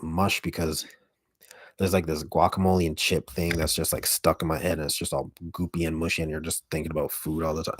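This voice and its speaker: A man with an extremely low voice full of vocal fry talks in a loose, casual livestream style. He is halting and keeps cutting into his own sentences. The sound is dry and close-miked, with a husky grain to the gravelly tone. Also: no echo. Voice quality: deep, gravelly voice. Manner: halting, self-interrupting, mild swearing. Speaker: ASMR streamer hosting a live stream. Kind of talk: casual rambling livestream chat.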